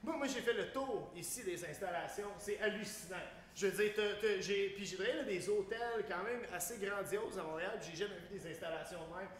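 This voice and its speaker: A man's voice: high voice, a little fast, few pauses. A man with a Quebec French accent hosting a live cooking stream in casual, slangy talk peppered with English exclamations. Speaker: host of a live online cooking show. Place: large catering kitchen. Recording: echoey room with faint noise.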